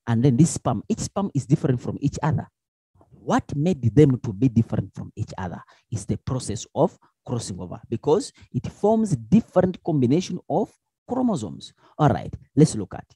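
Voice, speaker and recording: Man, teacher, dark husky voice, animated pitch, asks and answers himself. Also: moderate pace, no room sound. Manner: asks the class questions and answers them himself; lively, with many restarts and fillers. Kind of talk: explanatory lesson.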